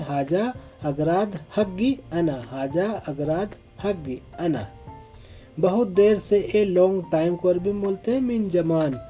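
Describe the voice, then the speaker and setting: A man's voice: high-pitched, warm tone. A man giving a spoken language lesson, repeating each phrase methodically. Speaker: language teacher.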